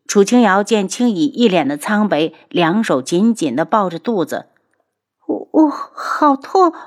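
A woman narrating a web novel audiobook with a steady, even reading style. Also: mid-range voice, moderate pace.

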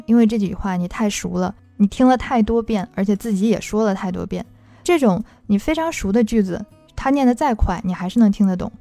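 A woman's voice: medium pitch, dark tone, no echo. A woman language teacher giving a patient explanatory talk and walking through worked examples.

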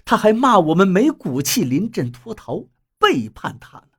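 A man voicing a scornful young man in an audiobook, speaking low and contemptuously. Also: very animated, normal speed, breathy edge, full character voice.

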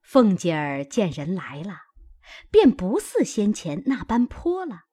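A woman reads a classic novel aloud at a slow, measured pace. Her voice is breathy and somewhat higher than average, and her intonation rises and falls expressively with the drama of the story. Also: huge pitch swings, dark tone. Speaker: audiobook reader.

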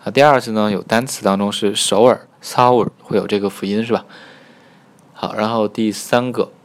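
A man teaching Korean pronunciation in a recorded lesson, patiently demonstrating sounds slowly and repeating them. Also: on the low side, steady tone.

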